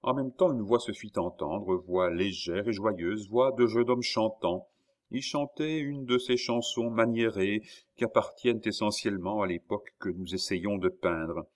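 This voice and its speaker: Un homme qui lit un roman à voix haute, d'un ton posé et théâtral. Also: male voice, fairly low pitch, unhurried. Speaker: audiobook narrator. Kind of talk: literary narration.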